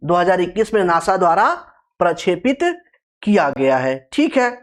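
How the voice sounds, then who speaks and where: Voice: mid-range voice, sing-song, normal speed. Teacher drilling terms by repetition. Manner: repeats key terms, poses questions and answers them itself; stretches out terms syllable by syllable for emphasis. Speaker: geography teacher. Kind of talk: exam-prep classroom lecture.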